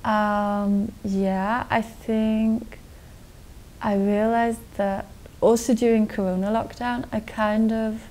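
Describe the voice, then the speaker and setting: A young woman from Austria answering interview questions in a relaxed, rambling way, full of likes and restarts, recorded in a dark studio. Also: fairly high pitch, takes it slowly, rough recording. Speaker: guest musician. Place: dark television studio set.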